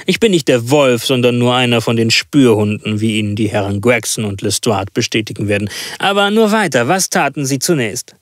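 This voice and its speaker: A man voicing an impatient, eccentric male detective with quick, commanding speech. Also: medium pitch, lively intonation, no room sound, studio quality, lightly acted.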